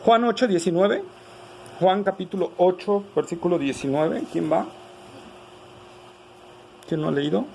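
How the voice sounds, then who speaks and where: High-voiced male pastor preaching. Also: a little slow, gravelly, long pauses, a little mellow, slight background noise, rough recording. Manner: rhetorical, frequent "¿verdad?" tag questions. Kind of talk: sermon.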